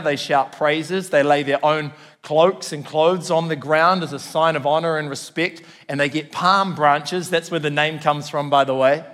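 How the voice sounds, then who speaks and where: A man's voice: on the high side, fairly bright tone. A man with a New Zealand accent preaching a sermon as a pastor, in an earnest, emphatic way with repeated phrases. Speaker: church pastor. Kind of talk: sermon to a congregation. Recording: long hall reverb.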